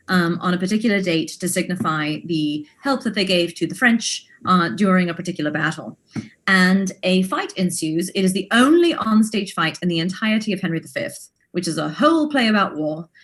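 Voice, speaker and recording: Woman, co-host, middle-range voice, animated storyteller who laughs as she goes. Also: mid-range voice. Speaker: podcast co-host, stage actor. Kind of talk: casual storytelling chat.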